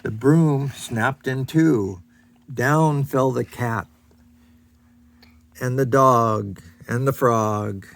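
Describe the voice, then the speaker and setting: Gravelly grandpa reading a picture book. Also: male voice, medium pitch, drawn-out words, long pauses, no echo. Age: older. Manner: chatty asides about the pictures.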